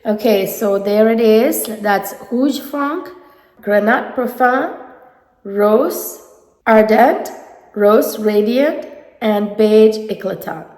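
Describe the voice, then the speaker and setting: A woman's voice: a little high, slow pace, a little mellow, reverberant, in a large hall. A woman with a nasal head cold reviewing makeup in a casual, gushing way, talking to her viewers. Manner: gushing, enthusiastic. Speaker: beauty vlogger.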